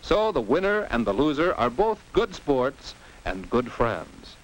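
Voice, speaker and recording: A very animated American man with a mid-range voice and measured pace provides scripted narration for a 1950s teen educational film. Didactic in tone, he asks questions and exclaims as a commentator would, recorded on a noisy old film soundtrack.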